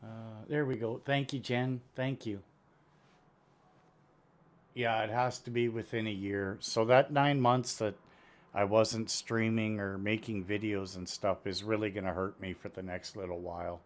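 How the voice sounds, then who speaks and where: A man missing his two front teeth, chatting casually and matter-of-factly in a rambling way as he live-streams a video game. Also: on the low side. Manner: rambling, unhurried, matter-of-fact. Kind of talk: casual live-stream chat while gaming. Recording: steady background noise.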